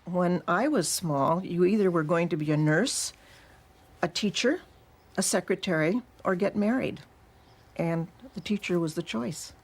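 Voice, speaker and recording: Slow-speaking older Midwestern woman. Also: fairly low pitch, slightly rough. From Minnesota, USA. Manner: slow, reflective storytelling. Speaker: retired teacher. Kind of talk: recalled life story interview.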